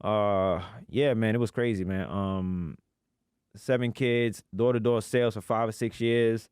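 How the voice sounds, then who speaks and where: A man from the United States telling his life story on a podcast in an animated, slangy way, acting out the people he quotes. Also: fairly low pitch, measured pace, clear, resonant tone, no room sound, studio quality. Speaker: podcast guest.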